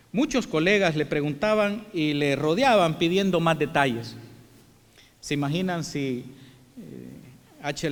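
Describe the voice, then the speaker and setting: A man from El Salvador giving a formal welcome address as president of an international congress, telling the story in a measured, reflective way. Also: on the high side. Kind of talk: formal speech. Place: large theatre hall. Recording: long hall reverb.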